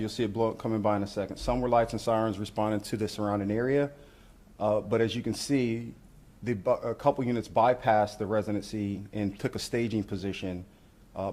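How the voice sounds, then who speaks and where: A man speaking as a law enforcement official, walking reporters through footage in measured, procedural language. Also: lowish voice, darkish tone. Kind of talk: news briefing commentary on footage.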